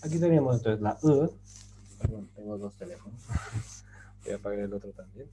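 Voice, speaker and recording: A man in a relaxed, mellow register walks through a grammar lesson, stopping often to check that his listeners follow. His explanations are patient and full of small pauses and fillers. A faint background noise stays under the voice. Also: lowish voice, poor audio. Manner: patient, rhetorical questions, many fillers. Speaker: language teacher.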